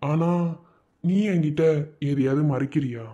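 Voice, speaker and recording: A man voicing a steady, loving young army husband in a cartoon, speaking in Madurai Tamil with a gentle, coaxing manner. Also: fairly high pitch, measured pace, breathy edge, muffled recording. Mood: tender. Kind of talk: cartoon voice acting.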